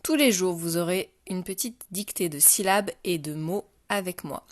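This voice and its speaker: A woman teacher giving a dictation lesson to young children, speaking clearly and patiently and addressing the child directly. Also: on the low side, moderate pace. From France. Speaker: primary school teacher.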